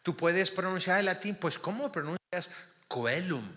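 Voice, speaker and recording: A man's voice: high voice, steady tone, moderate pace, pushed and bright. A man, a priest, leading a parish Bible study class, often checking in with his listeners to see that they follow. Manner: keeps checking in with the class, asking "ok?". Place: parish hall or church classroom. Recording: long reverb of a church hall.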